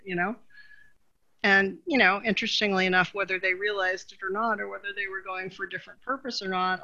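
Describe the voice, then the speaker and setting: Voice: mid-range voice, sharp tone, no echo, dull audio. A podcast co-host in a casual, rambling chat, with many "you know" fillers and frequent laughter.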